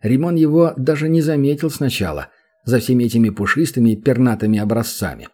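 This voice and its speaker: A man narrating a fantasy audiobook in an even storytelling manner. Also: medium pitch, fairly quick, slightly rough.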